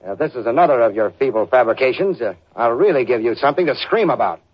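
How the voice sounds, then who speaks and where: A man's voice: medium pitch, animated, quick pace, breathy edge. An actor playing a tough, sardonic, wisecracking male private detective in slangy 1940s radio drama style. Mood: menacing. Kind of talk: 1940s hardboiled radio acting and narration. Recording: dull lo-fi old radio recording.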